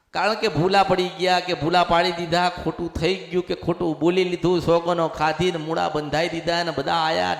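A man's voice: high-pitched, creaky, a bit bright. A man preaching as a temple medium, speaking as the mother goddess and repeating his exhortations over and over. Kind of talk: devotional sermon. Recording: echoey hall reverb.

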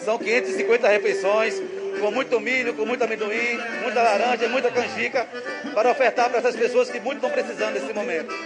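A man's voice: extremely high pitch, fairly even intonation, fast. A man, a city official, giving upbeat talking points in an outdoor TV interview. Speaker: municipal secretary. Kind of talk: interview on live TV. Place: outdoor community restaurant with band. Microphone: reporter's handheld mic, masked. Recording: forró music playing behind.

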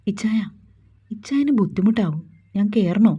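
A woman doing a shy young lady doctor, soft and pleading, dark breathy tone, dull lo-fi audio. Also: mid-range voice, expressive, normal speed. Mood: hesitant.

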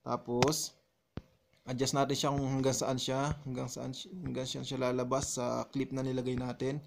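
A man's voice: medium pitch, completely flat delivery, normal speed, vocal fry, slight background noise. Chatty male vlogger talking viewers through edits. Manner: walks viewers step by step, often calling them "mga tol". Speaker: vlogger explaining his editing. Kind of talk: casual tutorial voice-over.

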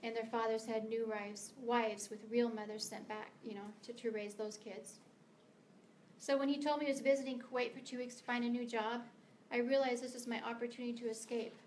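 A woman's voice: on the high side, little pitch movement, brisk, darkish tone, a little hiss or hum. A middle-aged American woman giving a prepared speech to a meeting as a guest author, earnest and emphatic, sometimes stumbling over words. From United States. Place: meeting room of a library.

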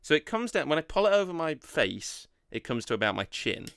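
A young man rambles through a relaxed podcast conversation, full of restarts and fillers. His voice is bright and smooth. The sound is close and dry, with no room around it. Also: on the high side, fairly quick, no room sound. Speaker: podcast co-host. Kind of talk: casual chat.

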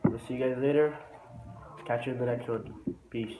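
Loud clinking dishes surround a young man's mid-pitched voice. He talks casually to viewers and family at the table, chewing food as he speaks. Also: steady tone, moderate pace. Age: teenager or young adult. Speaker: mukbang vlogger. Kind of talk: casual chat over a meal. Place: home dining room, indoors. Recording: very noisy, clattering dishes and cutlery. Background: clinking dishes, pots and cutlery.

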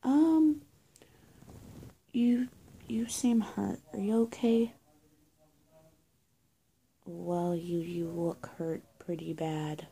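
In a small room with bare walls, a young woman who creates roleplay videos improvises a witch looking after someone hurt, speaking to camera. Her voice sits lowish with a dark tone and fairly even intonation, breathy, halting and confiding, often drifting down toward a whisper. The low-quality recording comes from a phone or webcam at arm's length.

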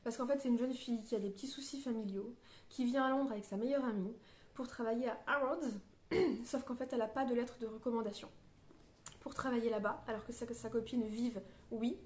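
A woman's voice: a little high, fairly even intonation, a little fast, dark tone, echoey room. Hesitant French-speaking woman reviewing a book. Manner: hesitant, searching for words with many fillers. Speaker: book vlogger. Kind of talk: casual book review vlog. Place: on a beach.

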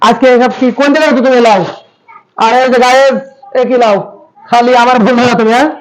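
A man's voice: very high voice, fairly even intonation, fast talker, poor audio. A man doing a casual family vlog, talking to his viewers in a chatty, teasing way and repeating a catchphrase. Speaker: vlogger.

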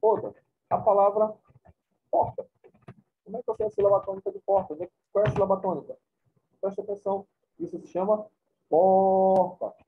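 A man's voice: high-pitched, steady tone, fast, pauses often, slight background noise. A man teaching a class, explaining points informally and often checking in with his students. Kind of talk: classroom lecture. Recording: tinny phone-like recording.

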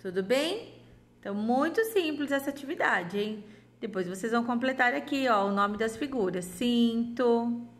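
A woman teaching young children in a gentle, affectionate way, sounding out syllables slowly and checking in often. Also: on the high side, animated. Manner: affectionate and sing-song, with diminutives and frequent "ok?" check-ins. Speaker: primary school teacher. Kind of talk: slow, gentle remote lesson for young children.

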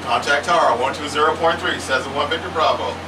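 A man's voice: fairly high pitch, fast. A man making clipped, formal pilot radio calls to the tower through a cockpit headset, in a flight simulator room. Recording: distant voice with loud air-conditioning hum.

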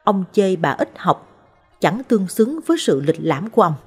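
A woman narrating short life stories in a calm, measured, scripted way. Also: medium pitch, husky. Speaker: storyteller. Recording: soft background music.

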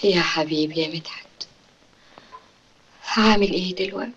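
A woman's voice: on the low side, moderate pace, fairly bright tone, husky. An actress with an Egyptian Arabic accent playing a worried, devoted middle-aged mother in a classic film, fretful and coaxing. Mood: grieving. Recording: dull old film soundtrack with music.

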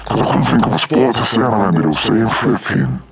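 A man's voice: fairly low pitch, big pitch swings, brisk, over a noisy crowd, low-quality recording. A man playing a masked mystery guest, giving short, evasive, slangy answers in a put-on London accent. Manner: cagey, brief replies, slangy. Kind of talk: evasive game-show answers.

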